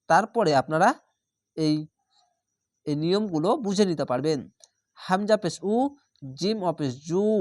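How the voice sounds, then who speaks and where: A man leads a recitation lesson, spelling out each syllable in a steady, methodical way. He then sings the full word out slowly and at length. The sound is dry and close, without any room echo. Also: high-pitched. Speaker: Quran reading teacher.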